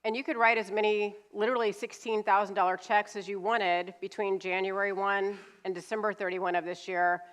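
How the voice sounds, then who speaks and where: Flat, fairly quick and with few pauses, this medium-pitched woman delivers a seminar as a guest speaker. She is an estate planning attorney from California in her fifties, sniffly with a cold, explaining plainly with some fillers into a handheld mic in a church hall.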